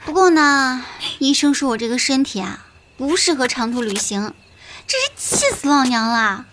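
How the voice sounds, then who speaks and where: A woman's voice: high-pitched, animated, moderate pace, a bit bright, a little hiss or hum. A woman playing a cheeky, bossy young woman who teases her friend, in an audio drama. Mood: wistful. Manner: teasing, calls herself "this lady boss". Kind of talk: amateur audio drama acting.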